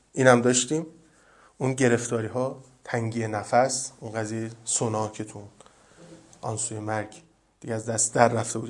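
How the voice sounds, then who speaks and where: A man who is a cleric, giving a religious sermon, quoting Arabic scripture and growing loud and high as he retells traditions.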